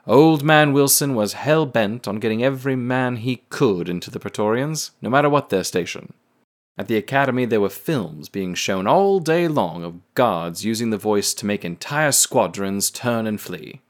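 A man's voice: mid-range voice, lively intonation, moderate pace, lightly acted. A man playing a war veteran who writes a letter to his sister and speaks with wry, old-fashioned phrasing. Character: wry male war veteran, heir to a family firm. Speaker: narrator reading a letter. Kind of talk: radio drama narration.

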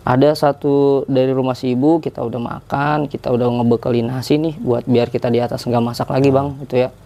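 A man's voice: mid-range voice, little pitch movement, fairly quick, warm tone. A young man casually telling a story as a podcast guest, rambling along and tagging his sentences with fillers. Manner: chatty, rambling, with many filler tags.

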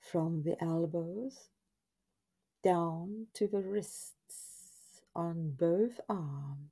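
A woman narrates a scripted guided relaxation in a soft, breathy half-whisper, soothing and hushed, with drawn-out phrases and pauses. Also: lowish voice.

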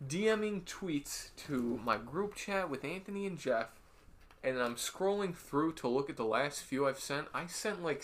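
A man's voice: a little high, a bit bright. A young man co-hosting a podcast, chatting casually and teasing his friend. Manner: teasing, joking banter. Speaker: podcast co-host. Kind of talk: casual chat.

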